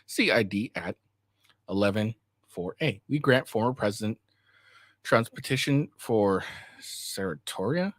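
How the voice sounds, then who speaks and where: A man reading a legal document aloud in a halting way, stumbling over words and correcting himself, with a casual host's delivery. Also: lowish voice, lively intonation, no room sound.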